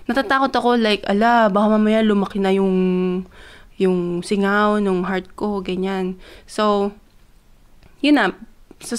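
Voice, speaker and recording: With a mid-range, clear and resonant voice, a young Filipina recounts a personal story for her laid-back vlog. Her Tagalog-English mix is full of fillers, and her excitement rises as the story goes on.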